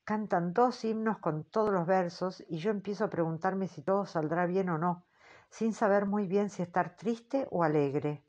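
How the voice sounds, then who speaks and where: A woman narrating an audiobook in the first person, in a measured, earnest storytelling manner. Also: on the low side, darkish tone, lo-fi sound.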